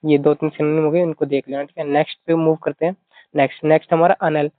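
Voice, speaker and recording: A man teaches an exam-prep vocabulary lesson, explaining words with mnemonics, repeating himself often, and saying "theek hai" again and again. His voice is on the high side with little pitch movement and a fast pace, heard through thin, dry, phone-like audio.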